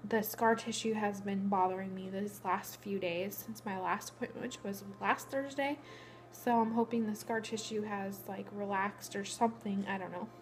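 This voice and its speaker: A young pregnant vlogger with a mid-range voice gives a casual, matter-of-fact update, rambling while out of breath. It's recorded on a phone camera with slight background noise.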